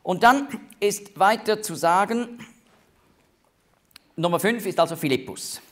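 A man's voice: sits high, animated, a little slow. A man teaching a Bible study, explaining names and passages with emphatic rises.

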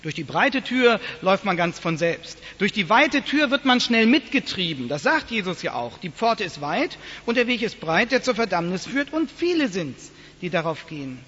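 A man preaching a sermon to his congregation in a church, telling stories in a lively, animated way. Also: high-pitched, moderate pace, few pauses, breathy edge. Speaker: pastor. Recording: dull lo-fi sound, long church reverb.

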